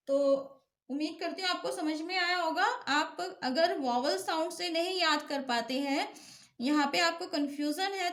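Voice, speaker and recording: A woman's voice: high-pitched, fairly bright tone, roomy sound. A woman teacher giving a grammar lesson, asking questions and answering them herself, and checking in with the class again and again. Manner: keeps repeating an affirming check-in.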